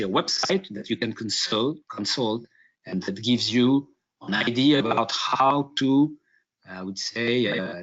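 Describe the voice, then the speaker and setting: A man from Hungary giving a business webinar presentation, halting, with many fillers and restarts. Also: mid-range voice, fairly bright tone. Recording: dull lo-fi webinar audio.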